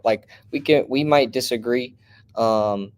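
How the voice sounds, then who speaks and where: A man's voice: mid-range voice, unhurried, clean tone. A man teacher on a virtual panel, talking casually with fillers about coming to parents with solutions.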